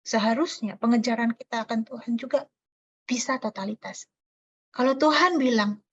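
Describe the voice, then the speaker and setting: High-voiced woman pastor preaching. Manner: lively, conversational preaching with everyday examples; acts out sounds in her stories. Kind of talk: sermon. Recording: muffled lo-fi recording.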